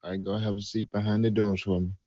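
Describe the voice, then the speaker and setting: A man's voice: fairly low pitch, level tone, fast talker, warm tone. A man acting as a police recruiter in a roleplay game, giving curt, repeated commands. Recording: muffled voice chat with faint noise.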